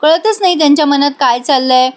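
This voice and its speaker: A woman's voice: high-pitched, quick pace, lightly acted. A woman reading out the lines of a flustered male college professor in a TV-episode recap. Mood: evasive.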